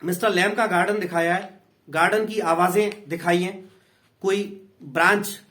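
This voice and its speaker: Slow high-voiced Indian tutor. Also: male voice, fairly even intonation, pushed and bright. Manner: patient, repeats and explains in two languages. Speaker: English tutor. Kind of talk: explaining a play in a class lesson.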